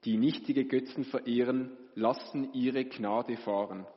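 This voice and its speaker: A man with a mid-range voice reads scripture slowly and solemnly. The recording has a long hall reverb and a muffled, lo-fi tone. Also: mid-range voice, fairly even intonation. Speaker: scripture reader. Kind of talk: liturgical Bible reading. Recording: reverberant hall, dull lo-fi sound.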